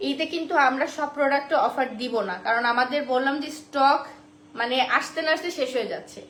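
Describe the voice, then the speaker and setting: High-voiced woman selling on a live stream. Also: quick pace, a bit bright. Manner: chatty, repeats prices and offers. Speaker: online shop seller. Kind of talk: live-stream sales pitch. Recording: roomy echo, faint background noise.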